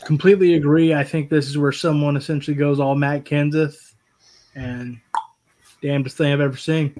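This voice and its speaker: A man's voice: a little high, fairly even intonation, moderate pace, darkish tone. A man co-hosting a sports podcast, speaking in a folksy, self-deprecating way. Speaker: podcast co-host. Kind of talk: casual chat.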